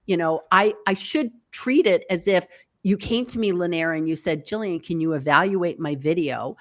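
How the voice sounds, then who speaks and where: A woman guest on a live video interview, giving casual advice in a chatty, animated way. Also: fairly low pitch, moderate pace. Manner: animated, chatty, acts out quoted reactions. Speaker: podcast host appearing as guest.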